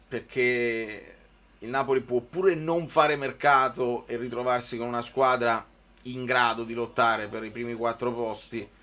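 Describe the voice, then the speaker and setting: A man's voice: mid-range voice, steady tone, unhurried, sharp tone. A man giving live football commentary mixed with informal, conversational chat to viewers.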